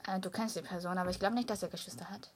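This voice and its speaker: A woman's voice: fairly low pitch, fairly even intonation, racing, breathy edge. A young woman chatting casually in a guessing game, teasing and playful. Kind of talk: casual chat.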